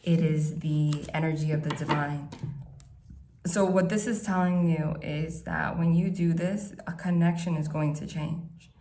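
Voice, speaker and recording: A woman with a northeastern American accent from the New Jersey and New York City area gives a casual tarot reading to camera in a hot room at home, rambling chattily with lots of "like" and restarts. Her voice is a little low for a woman, warm, fairly even in intonation and measured in pace. A faint hiss of room noise runs under her throughout.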